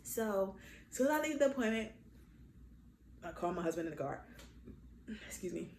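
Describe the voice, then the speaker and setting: A young adult woman tells a personal story in a relaxed vlog, switching into lively quoted voices. Her voice has a mid pitch. The room adds a noticeable echo, with a faint hiss behind it. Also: moderate pace. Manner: animated, acts out quotes with big pitch jumps. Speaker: vlogger. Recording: echoey room with faint noise.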